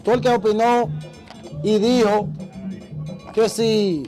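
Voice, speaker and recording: A man, an interview guest telling a story in a casual, animated way and acting out the voices he quotes. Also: high-pitched, takes it slowly, soft background music, rough recording.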